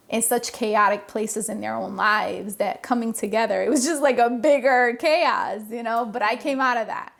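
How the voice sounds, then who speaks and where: A woman, openly and earnestly telling her life story as a podcast guest. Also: medium pitch. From Providence, Rhode Island. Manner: open, earnest, reflective. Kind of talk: casual personal storytelling.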